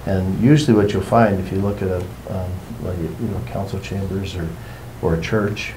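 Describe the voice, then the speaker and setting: A man leading a workshop, explaining things to a group in an informal, meandering and unhurried way. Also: low-pitched, steady tone, heavy background noise. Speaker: workshop facilitator.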